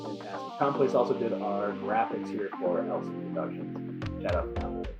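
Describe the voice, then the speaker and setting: A man's voice: lowish voice, animated, normal speed, roomy sound, dull audio, over loud music. A man giving casual golf-style play-by-play commentary as a disc golf commentator.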